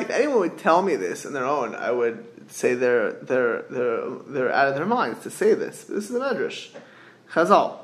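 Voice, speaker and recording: Higher-voiced man, echoey room. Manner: halting, repeats phrases, rhetorical questions. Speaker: rabbi giving a religious class. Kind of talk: informal sermon, explaining texts with anecdotes.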